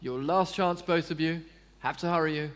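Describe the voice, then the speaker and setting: High-pitched male auctioneer in a reverberant hall. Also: moderate pace. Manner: polite, formal, addresses bidders by name. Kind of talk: live auction bid-calling.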